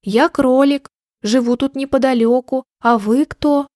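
A woman voicing a small, timid but brave male rabbit in a storybook reading, speaking in a squeaky voice. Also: steady tone, unhurried, mellow, no echo, clean studio sound. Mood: nervous.

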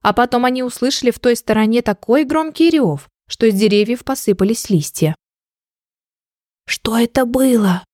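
Woman, audiobook narrator, children's story, gentle, measured, higher voice, dry close mic. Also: lively intonation, no room sound.

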